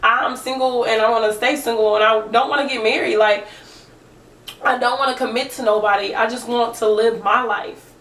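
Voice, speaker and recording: A young woman vlogger telling a story in an animated, chatty way, talking straight to her viewers. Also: on the high side, normal speed, distant mic. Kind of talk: casual storytime chat. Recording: roomy echo, speaker away from the mic.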